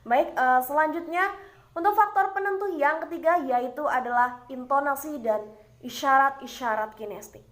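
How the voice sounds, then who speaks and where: A young woman with a high voice presents a lesson as a university student. She explains step by step, often posing rhetorical questions and leaning on little fillers as she goes. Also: moderate pace, fairly bright tone. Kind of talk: explaining course material.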